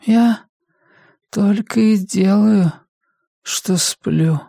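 A man's voice: high voice, gravelly, dark tone, dry recording, clean studio sound, pitched above the performer's own voice, exaggerated voice. A man voicing a frail whispering old mother. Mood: weak, tender. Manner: faint, slow, whispery. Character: weak old bedridden mother, tender.

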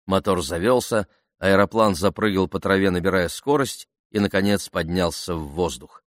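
A man reading an audiobook in a measured, even storytelling manner. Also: deep voice, no room sound, studio quality. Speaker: narrator. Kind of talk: scripted audiobook narration.

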